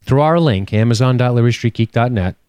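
Animated joking man co-hosting. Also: mid-range voice, quick pace, clean tone, no echo. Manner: animated, joking, swears freely. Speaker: podcast co-host. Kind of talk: casual chat. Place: home studio.

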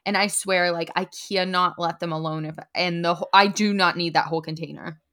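A woman's voice: fairly low pitch, fairly even intonation, a little fast, fairly bright tone. A young adult woman co-hosting a podcast, chatting casually in an upbeat way and laughing often. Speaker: podcast co-host. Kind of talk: casual chat.

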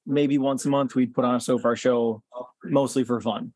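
A concert organizer, appearing as a podcast guest, chats casually in an interview, explaining things in a relaxed way with many "um" and "you know" fillers and frequent restarts. His voice is medium-pitched at a normal speed, with no room sound.

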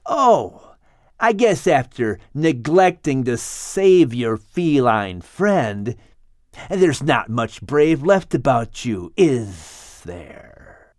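A man voicing a sly, menacing male snake villain in a storybook, speaking in a slow, silky, mocking drawl. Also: mid-range voice, big pitch swings, a little mellow, no echo, clean studio sound. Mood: taunting. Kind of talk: storybook character voice.

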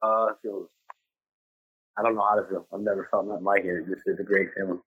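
A man's voice: low-pitched, little pitch movement, fairly quick, husky. A man on a video call, a football fan talking bluntly and swearing freely in a casual interview, his audio sometimes breaking up. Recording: dull lo-fi video call line.

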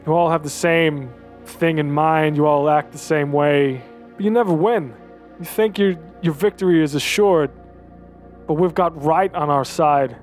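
A man's voice: a little high, measured pace, soft background music, lightly acted. A man playing a grim, resolute starship captain in a tabletop game, speaking steadily and defiantly.

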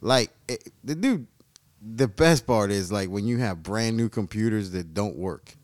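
A young adult man chatting on a podcast, profane and excitable and quick to laugh. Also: fairly low pitch, no room sound, studio quality. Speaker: podcast guest. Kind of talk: casual chat.

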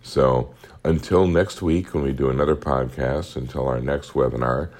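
A man with a gravelly, hoarse and tired voice, presenting a market outlook as a podcast host in a measured, explanatory way. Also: very deep voice, fairly even intonation, darkish tone. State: hoarse, tired voice from two weeks on the road. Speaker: podcast host, economic analyst.

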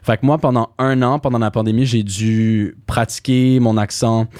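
A young man with a Québécois French accent, chatting casually as a podcast host, relaxed with many fillers. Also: mid-range voice, moderate pace, no room sound, clean studio sound. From Quebec. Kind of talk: casual conversation.

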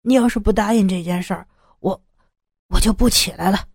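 A woman's voice: medium pitch, fairly quick, slightly rough, dry recording, studio quality. A woman voicing a desperate middle-aged man who sighs heavily and stammers through his pleas, in an audiobook story. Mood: pleading. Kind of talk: audiobook character voice.

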